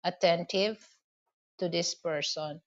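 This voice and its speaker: Fairly low-pitched and slow, with fairly even intonation, this Filipino-accented vlogger from the Philippines talks casually to camera. She rambles through advice and anecdotes, filling gaps with "you know" and "okay?" The highs in the recording are cut off.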